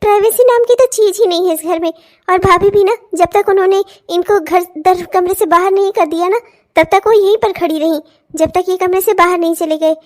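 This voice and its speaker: A woman voicing a meek, newly married young wife in a cartoon, who speaks in a soft, pleading, put-upon way. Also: extremely high pitch, brisk. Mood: complaining. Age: young adult. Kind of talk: cartoon voice acting.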